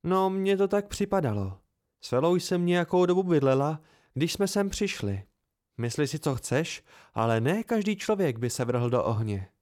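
A man voicing a brisk, dryly teasing young woman healer in a read-aloud novel. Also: a little high, very animated, a little mellow. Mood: wry.

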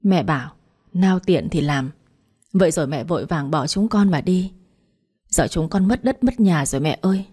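Aggrieved village wife, indignant and wailing, low husky warm voice, read by a woman storyteller. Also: expressive, moderate pace. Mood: lamenting.

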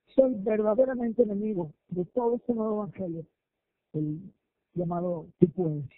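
Man, pastor, lively sermon, high voice, tinny dry phone-like sound. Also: dry recording. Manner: lively preaching, acts out quoted voices, asks listeners questions.

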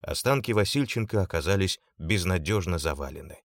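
A man reading an audiobook aloud in measured, even storytelling. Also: sits low, no room sound. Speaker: audiobook narrator. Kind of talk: scripted audiobook narration.

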